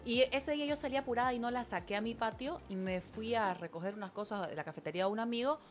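A woman's voice: fairly high pitch, quick pace, faint music behind. A woman co-hosting a casual chat, blunt and cursing freely as she tells a story. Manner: lively, blunt, swears freely. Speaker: panel co-host.

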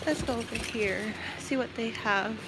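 Strolling through a big retail store with her phone in hand, a woman from the Philippines hosts a casual live shopping stream, calling out prices and greeting viewers. She has a fairly high pitch and speaks at a normal speed, with a noisy shop floor around her.

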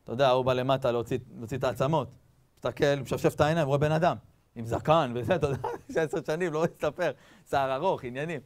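A rabbi giving a Torah lesson as lively comic storytelling, acting out his characters. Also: medium pitch. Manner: animated, acts out characters.

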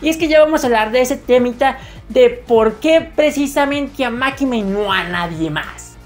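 Slangy high-voiced woman narrating anime commentary. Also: expressive, moderate pace. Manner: slangy, jokey, crude humor. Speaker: anime video essayist. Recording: faint music under the voice.

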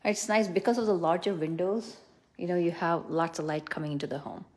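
Speaking a little fast in a lowish, darkish voice with fairly even intonation, a middle-aged woman who sells real estate gives an impromptu walk-through of a house's interior. Her narration is relaxed and full of cheerful praise, recorded on a handheld phone.

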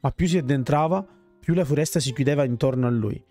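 A man reading a fantasy game's story text aloud at a steady pace. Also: mid-range voice, fast, faint music behind. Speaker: gamer reading game text.

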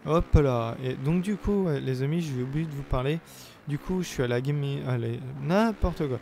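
Gravelly young man commenting his game. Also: fairly high pitch, normal speed, a little mellow, slight background noise. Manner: chatty, hesitant, bursts of playful cheering. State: sore throat. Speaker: let's play gamer.

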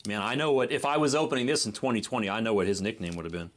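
Fairly low-pitched and animated, he talks rapid-fire while hosting a live card break. The commentary is casual and ongoing, and he's unsure how to pronounce some names.

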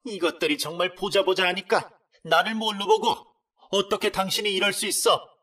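Bright, shrill, furious older woman, as a man puts her on, shrieking accusations, radio drama, heard from a distance. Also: fairly even intonation, moderate pace. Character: furious middle-aged mother-in-law, shrill and accusing.

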